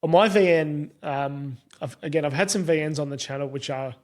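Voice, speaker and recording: A man's voice: a little high, fairly quick. Australian man with a broad accent. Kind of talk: casual car chat.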